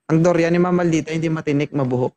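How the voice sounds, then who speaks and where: A man's voice: on the high side, racing, dark tone, soft background music. A man hosting a matchmaking show, bantering and teasing his guests. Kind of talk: casual chat.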